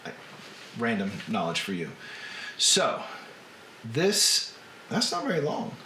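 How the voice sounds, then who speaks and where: A man with a Southern US accent chatting casually to livestream viewers as host, in an unhurried drawl with drawn-out words. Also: mid-range voice, wildly swooping pitch, pushed and bright. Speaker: host of a live reading stream. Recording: roomy echo, faint background noise.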